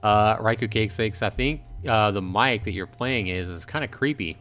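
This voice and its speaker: A man with a fairly low, slightly bright voice talks at a moderate pace over soft background music. He's a livestream host playing a visual novel, giving casual gameplay commentary, thinking aloud, repeating himself, and addressing viewers in chat.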